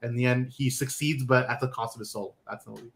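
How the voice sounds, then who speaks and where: A man's voice: mid-range voice, steady tone, quick pace, creaky. A young man hosting a casual movie chat on a stream, joking and chatty with lots of fillers. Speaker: podcast host.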